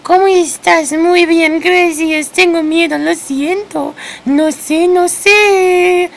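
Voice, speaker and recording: A woman voicing a flirty, nervous female bird lady in a comic skit, in a high singsong voice. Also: fairly even intonation, slow pace, exaggerated voice. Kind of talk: comic puppet-style skit.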